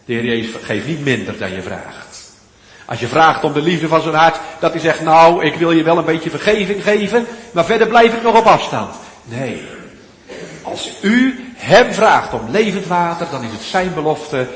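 A male pastor, delivering a sermon in a slow, measured way. His fairly high voice swings widely, climbing into pleading appeals and then dropping to hushed, near-whispered lines. The recording carries the long, echoing reverb of a church hall. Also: expressive. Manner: preaching with dramatic swings between loud pleas and hushed near-whispers.

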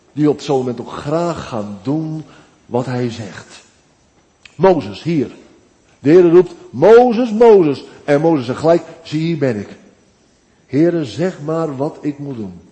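A man preaching a sermon to his congregation, earnest and deliberate. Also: a little high, expressive, mellow. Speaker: pastor. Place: church. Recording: long church reverb.

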